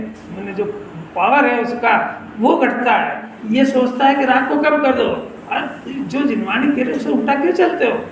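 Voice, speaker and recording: A man with a high voice gives a scripture sermon, explaining point by point and often asking his listeners whether they have understood. The room is echoey, with faint noise behind him. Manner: explanatory, questioning listeners, lively. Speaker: Jain scripture teacher. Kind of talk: sermon discourse.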